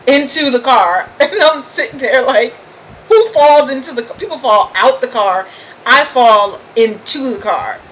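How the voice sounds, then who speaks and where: A woman's voice: fairly high pitch, fairly bright tone, a little hiss or hum, rough recording. A tired woman vlogging to camera, chatting casually and laughing at herself as she tells a goofy story about her day.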